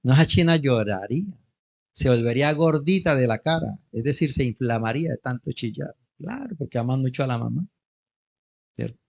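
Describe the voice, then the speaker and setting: A man's voice: mid-range voice, lively intonation, a little fast, creaky. A middle-aged man with a Colombian Spanish accent, preaching a sermon in church, telling anecdotes and joking with the congregation. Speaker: pastor.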